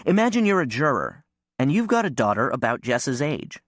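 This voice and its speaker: A man's voice: medium pitch, sing-song, moderate pace, a bit bright, no room sound, clean studio sound. A man voicing an exasperated young defense lawyer who lectures sternly.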